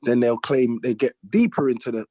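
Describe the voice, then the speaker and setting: A man's voice: medium pitch, animated, brisk, dark tone, dry recording. A man hosting a heated discussion, earnest and stumbling over restarts as he argues. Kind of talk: heated debate.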